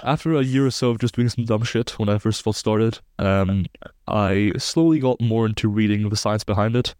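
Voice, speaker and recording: Speaking at a moderate pace, this man has a fairly low, smooth voice with a darkish tone. He's a Belgian researcher in sports science, in his twenties, guesting on a podcast and walking through studies with technical precision. The sound is dry and studio-clean.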